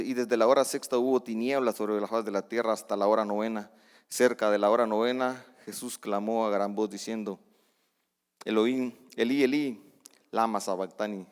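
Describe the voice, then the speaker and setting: A male preacher delivering a sermon, reading scripture and explaining it, shifting between hushed readings and loud emphatic outbursts, with casual asides and self-corrections. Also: mid-range voice, smooth. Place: church sanctuary. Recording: long reverb of a church hall.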